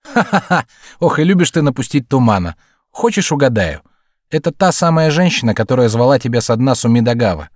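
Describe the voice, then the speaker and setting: A man's voice: mid-range voice, expressive, fairly quick, dry recording, clean studio sound, pitched above the performer's own voice, natural voice. A man voicing a jovial, teasing joker who speaks with mock seriousness in a raised, boisterous voice.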